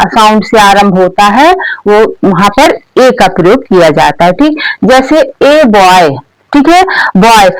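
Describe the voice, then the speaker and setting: A woman teaching English grammar, asking questions and answering them herself, repeating each point, checking in with frequent "okay"s, and saying the English example words slowly. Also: a little high, rough recording. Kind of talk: explanatory grammar lesson for learners.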